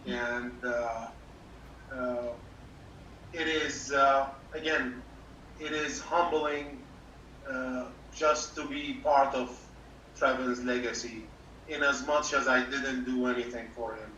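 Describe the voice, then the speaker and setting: A man, a doctor, speaking sincerely but haltingly on a video call, with many pauses and filler words. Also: mid-range voice, fairly even intonation, pushed and bright. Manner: halting, full of uh's, formal and sincere. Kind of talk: thanking a guest on a video call. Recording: muffled, distant, echoey room with faint hum.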